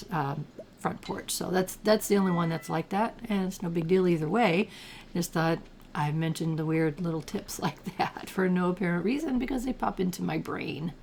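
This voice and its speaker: An older woman with a gravelly whiskey voice, chatting and rambling casually as she hosts a game walkthrough. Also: fairly low pitch, darkish tone. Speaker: gaming video host. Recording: clear background noise.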